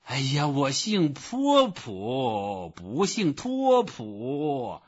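A man's voice: mid-range voice, wildly swooping pitch, slow pace, bright, forceful tone, slightly rough, full character voice. A man voicing an exasperated middle-aged man who insists and grows short-tempered. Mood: angry. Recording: dull lo-fi recording.

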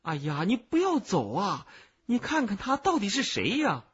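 A man voicing an excited, urgent boy companion in a storybook reading, raised and high, on a muffled lo-fi recording. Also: slow, breathy edge, full character voice.

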